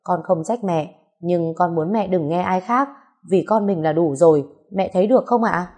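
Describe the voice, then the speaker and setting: A woman's voice: lowish voice, moderate pace, darkish tone, natural voice. Woman voicing a blunt middle-aged son. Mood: insistent. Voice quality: earnest, persuasive.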